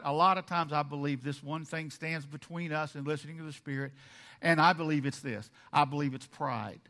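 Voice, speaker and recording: A man preaching a sermon to his congregation, animated, acting out their objections and dropping from loud emphasis to quiet asides. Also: a little high. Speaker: pastor.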